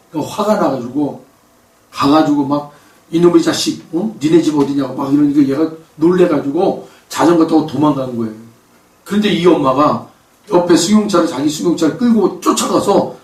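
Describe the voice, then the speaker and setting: A man's voice: fairly high pitch, moderate pace, darkish tone. A male pastor preaching a sermon, emphatic, with rhetorical questions and bursts of raised voice. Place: church sanctuary. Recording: echoey church hall from far off.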